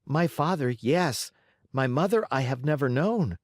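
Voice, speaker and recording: A man voicing a brave, pleading little wooden boy puppet in a high, piercing voice. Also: animated, measured pace, no room sound, clean studio sound.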